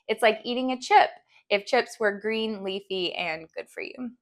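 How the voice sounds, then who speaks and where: A woman's voice: a little high, slow pace. A woman hosting a cooking show, chatty and giggly, stumbling over words as she demonstrates a recipe.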